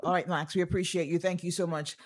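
A woman's voice: fairly low pitch, fairly even intonation, quick pace. A woman, hosting a radio show in a casual, chatty style.

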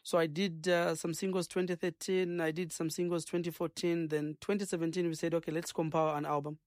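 A man with a Zambian accent, a gospel singer and minister, talking earnestly in a radio interview, preaching as he goes and filling pauses with "uh" and "um". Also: a little high, little pitch movement, a little mellow, no echo, studio quality. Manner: earnest, preachy, rambling with many fillers.

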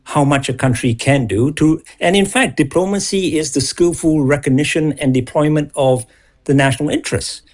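A man who grew up in Singapore, speaking as an expert guest in a measured, analytical way. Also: a little high. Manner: measured, analytical, restarts on words. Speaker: guest expert on foreign policy. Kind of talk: broadcast interview.

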